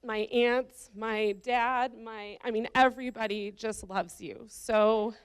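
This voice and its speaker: A woman's voice: a little high, steady tone, smooth, dry recording. A woman giving a heartfelt wedding toast welcoming her brother's bride into the family. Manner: heartfelt, slow and careful. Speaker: groom's sister giving a toast.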